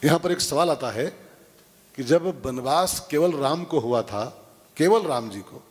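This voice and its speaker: A man preaching a devotional sermon in a slightly high voice. He tells stories in an animated way, acting out quotes and checking in with his listeners. His voice rings out with a long hall reverb. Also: measured pace. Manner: animated, acts out quotes, asks "हाँ?" to the audience. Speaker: preacher giving a religious discourse.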